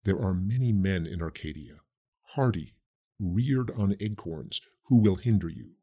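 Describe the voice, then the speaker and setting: A man voicing a solemn, cryptic ancient priestess who speaks prophecies slowly and gravely. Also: low-pitched, mellow, pitched below the performer's own voice, heavily acted. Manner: slow, grave, prophetic delivery.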